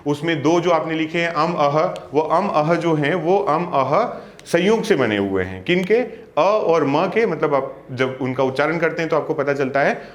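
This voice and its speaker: A man teaching an exam-prep lesson, explaining step by step, asking questions and answering them himself, and sounding out letters slowly one by one. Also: a little high, reverberant.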